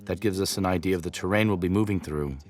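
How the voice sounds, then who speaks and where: Male wildlife photographer, lower register, explanatory nature documentary commentary. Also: fast talker, a little mellow, a little hiss or hum.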